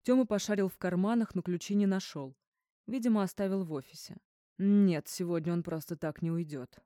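A woman reading an audiobook in a measured, even narration. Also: on the low side, dry recording, studio quality. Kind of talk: scripted narration.

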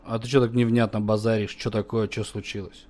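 A man's voice: on the low side, little pitch movement, fairly quick, a little mellow. A man prank-calling a debt collector, mocking him and swearing in a heated argument. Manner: mocking, crude, swearing constantly.

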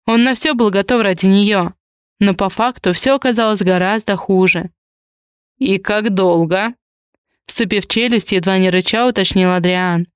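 A woman narrating an audiobook in an even, measured reading style. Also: medium pitch, smooth, no echo, studio quality.

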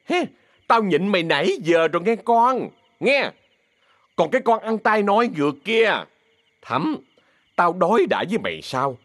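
A man voicing a fierce older woman who runs a theater troupe, cursing and yelling threats in a Southern Vietnamese accent. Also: mid-range voice, expressive, moderate pace, no room sound, studio quality, natural voice. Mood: raging.

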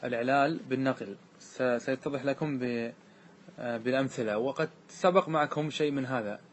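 A man teaching a classroom grammar lesson, slowly repeating word forms and often checking that his students follow. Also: medium pitch, slight background noise. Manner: asks students frequent check questions; repeats words slowly to show their forms.

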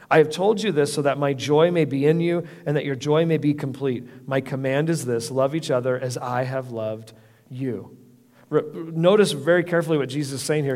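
A man's voice: mid-range voice, darkish tone. A middle-aged man preaching a sermon as pastor, earnest and conversational, often restarting his phrases. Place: church hall. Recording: long reverb of a church hall.

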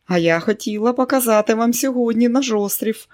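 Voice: mid-range voice, fairly quick, darkish tone, pitched above the performer's own voice, close to an everyday voice. A reader voicing a controlling, scheming rich matriarch in an audiobook, speaking dryly and politely. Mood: gracious. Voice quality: dry, pointed. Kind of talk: audiobook character reading.

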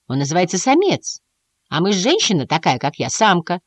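Fed-up mama mouse, as a lady reads her, tart and snappy, lively pitch. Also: normal speed, dry recording. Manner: tart, exasperated. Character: weary irritable mother mouse.

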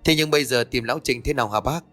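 A man's voice: mid-range voice, racing, bright, forceful tone, faint music behind, close to an everyday voice. Man voicing a jittery young village lad. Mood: anxious. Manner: anxious, questioning.

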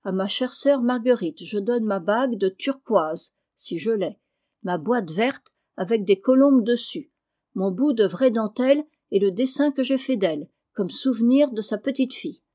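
A woman's voice: on the high side, animated, normal speed, warm tone. A woman doing a vain, fussy young girl. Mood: earnest.

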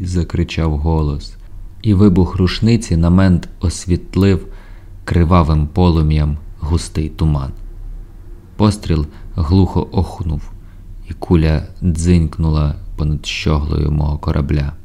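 A man reading an audiobook in first person, in a measured storytelling voice with ironic asides. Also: rumbling low, mellow. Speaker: audiobook narrator. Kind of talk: scripted first-person narration.

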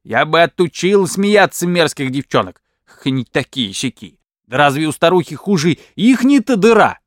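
A man's voice: a little high, sing-song, moderate pace, no room sound, clean studio sound. A man putting on a sly bawdy old peasant woman. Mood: indignant. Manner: coaxing, scolding, mock-solicitous.

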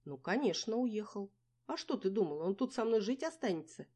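A woman's voice: medium pitch, sing-song, brisk, a little mellow, husky, voice pushed up. A woman reading an audiobook voices a chatty, fussing middle-aged mother who exclaims, laments and teases.

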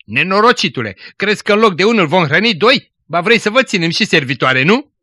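Man doing a nasty judge's wife, scolding, high bright voice. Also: sing-song, no echo, studio quality, exaggerated voice. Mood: furious. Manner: scolding, contemptuous. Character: angry judge's wife, sharp-tongued woman.

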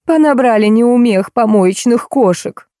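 A woman's voice: medium pitch, expressive, moderate pace, mellow, no echo, clean studio sound, close to an everyday voice. A woman reading an audiobook, voicing a capricious aging stage actress with an imperious, scolding manner. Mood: furious. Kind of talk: audiobook character voice.

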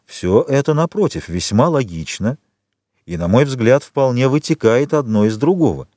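A man reading an audiobook, voicing a formal, measured notary. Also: mid-range voice, lively intonation, warm tone, no echo, clean studio sound, lightly acted. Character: middle-aged male notary, precise and formal.

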